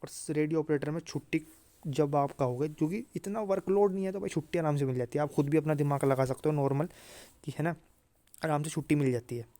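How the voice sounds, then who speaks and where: Speaking fast with a fairly high pitch, a steady delivery and a dark timbre, a man hosts a casual career video for exam students. He repeats himself for emphasis and keeps checking in with short tag phrases, all in a dry recording.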